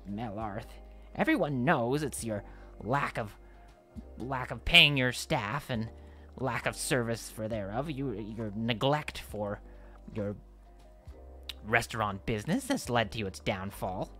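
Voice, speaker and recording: A man voicing an old female beholder, a tentacled eye monster, speaking slowly and haughtily. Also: mid-range voice, sharp tone, soft background music. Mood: dismissive. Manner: slow, drawn-out, haughty.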